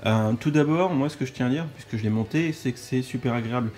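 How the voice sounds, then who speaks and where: A man co-hosts a toy review in a casual, conversational way. His voice sits at an average pitch, and he tends to repeat a phrase as he comments. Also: quick pace, darkish tone. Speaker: co-host reviewing a toy set. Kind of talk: casual chat, product review.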